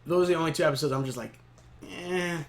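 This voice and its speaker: A man casually reviewing a cartoon episode to camera in a rambling, excitable way. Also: fairly high pitch, racing. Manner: rambling, excitable recap with frequent laughs.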